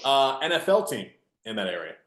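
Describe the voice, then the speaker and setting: A man's voice: mid-range voice, a little fast. A young man hosting a student sports podcast, chatting casually and joking with fillers. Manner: relaxed, joking, filler-heavy. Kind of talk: casual interview chat. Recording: echoey room.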